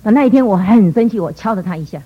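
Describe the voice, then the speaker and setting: A middle-aged woman giving an earnest, emotional church testimony, telling a personal story with lively quoted dialogue. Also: mid-range voice, fast, breathy edge, muffled recording.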